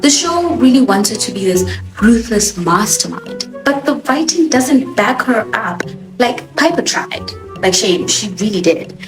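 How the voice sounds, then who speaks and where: A young woman with a Johannesburg South African accent, a native Swahili speaker, hosts a casual, opinionated TV show review with sassy, expressive, animated emphasis. Her voice is on the high side and a little slow, recorded in an echoey room with music behind.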